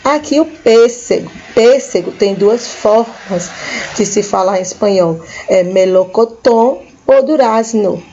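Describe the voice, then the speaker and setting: A woman with a Brazilian Portuguese accent, teaching a recorded lesson to children, slowly and patiently repeating each word for young learners. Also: mid-range voice, warm tone, muffled recording, a little hiss or hum. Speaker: school teacher.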